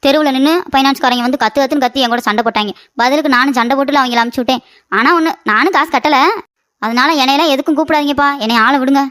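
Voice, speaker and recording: A woman voicing a fast, shrill, scolding mother-in-law. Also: fairly bright tone, dry recording, studio quality. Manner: rapid scolding, complains of knee pain. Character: scolding sharp-tongued older mother-in-law. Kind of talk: animated storybook voice acting.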